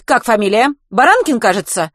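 A woman voicing a strict, suspicious female deputy head teacher who scolds loudly. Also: fairly high pitch, sing-song, a little fast, no echo, clean studio sound, pitched above the performer's own voice. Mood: scolding.

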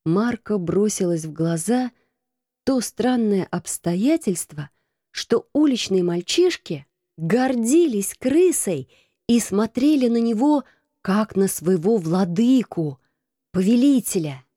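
A woman narrating a children's novel as an audiobook, in a steady, expressive reading. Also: medium pitch, takes it slowly, no room sound, clean studio sound. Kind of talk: scripted narration.

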